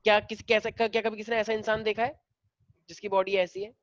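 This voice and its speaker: A man's voice: high voice, level tone, quick pace, fairly bright tone, no room sound. Dry lo-fi male classroom teacher. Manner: mixes Hindi and English, quizzes students, affectionate. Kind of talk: classroom lecture. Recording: dull lo-fi dry sound.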